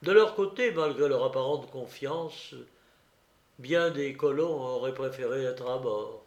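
A man reading a classic novel aloud, slow and deliberate, with an occasional hesitation. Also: medium pitch. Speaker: reader. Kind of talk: audiobook narration of a classic novel. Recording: roomy echo.

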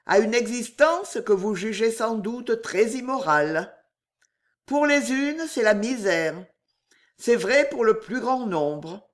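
Narrator lady doing a young emotional courtesan, higher and lively, swoops around a lot. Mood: earnest. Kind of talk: audiobook character reading.

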